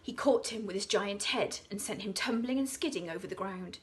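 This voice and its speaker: An English woman, an infant school teacher, reading a children's story aloud, dropping into hushed whispers for suspense. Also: medium pitch, brisk, a little hiss or hum.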